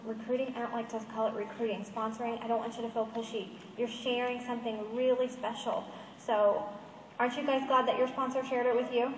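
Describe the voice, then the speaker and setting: A high-pitched woman speaks earnestly to a conference crowd, close to tears as she tells her story. She sounds distant from the mic, and her voice rings through a big echoing hall with a faint background hum. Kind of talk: motivational presentation. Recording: echoey hall, far from the mic.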